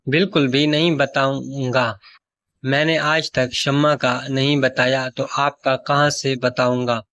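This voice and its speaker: A man voicing a cautious young man in a story, speaking softly and slowly. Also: medium pitch, little pitch movement, clean tone, dry recording, lightly acted. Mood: reassuring.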